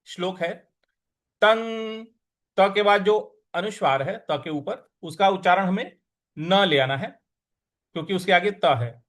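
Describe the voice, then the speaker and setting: A man teaching how to pronounce and recite scripture, chanting verses slowly and then explaining each sound step by step. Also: sits high, fairly bright tone. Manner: slow deliberate teaching, drawn-out chanted verses. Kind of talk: slow recitation lesson with chanting.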